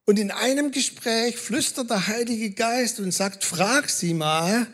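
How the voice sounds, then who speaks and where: A man preaching a sermon as pastor, lively and talking straight to the congregation with questions. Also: sits high. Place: church hall.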